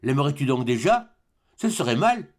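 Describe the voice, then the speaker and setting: A man reading the part of a timid, gentle middle-aged mother who speaks softly and soothingly. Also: mid-range voice, sing-song, normal speed. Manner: soft and soothing.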